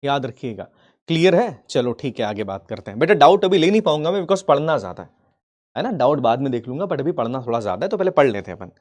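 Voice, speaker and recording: A man teaching a live online class in speech, animated and repetitive, often asking if the students have understood. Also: medium pitch, quick pace.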